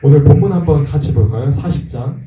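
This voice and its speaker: A male pastor delivers a sermon, asking his congregation question after question. His voice is dark and mellow, a touch higher than most men's, and it comes from a distance in a room full of echo, with faint noise underneath. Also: quick pace. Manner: conversational, asks the congregation questions. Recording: echoey room from far off.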